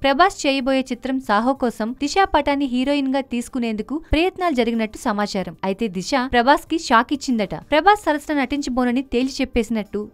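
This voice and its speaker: Brief: woman news voice-over, high and crisp, reads film gossip quickly. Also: lively intonation. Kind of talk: scripted entertainment news narration.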